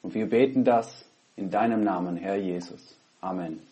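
A man from the Netherlands, a pastor speaking German with a Dutch accent, gives an earnest online sermon and prayer through a headset at his laptop, pausing often between phrases. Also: low-pitched, warm tone. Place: home, recorded at a laptop.

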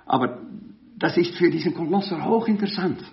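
Guy preaching, lively up and down voice, dull lo-fi sound. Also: on the high side, creaky. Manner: slow, emphatic, swelling to loud stresses. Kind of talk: sermon. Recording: dull lo-fi recording.

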